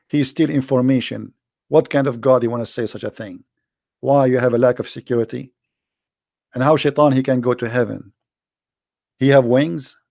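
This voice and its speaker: A man whose first language is Arabic preaches in a blunt, emphatic livestream monologue, talking straight to viewers as a daily broadcast host. The voice is mid-range, mellow, and gravelly with a rasp, captured dry and close with no echo.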